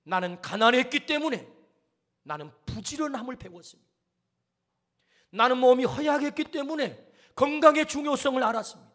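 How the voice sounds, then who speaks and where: A man's voice: extremely high pitch, animated, normal speed, long pauses, fairly bright tone. A male pastor preaching a sermon, emphatic, firing rhetorical questions and calling for amens.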